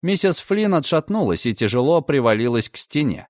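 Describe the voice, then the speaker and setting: Man, audiobook narration, expressive, varied pitch, mid voice, dry studio. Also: a little fast, no echo. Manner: expressive, dramatic reading. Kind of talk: scripted narration.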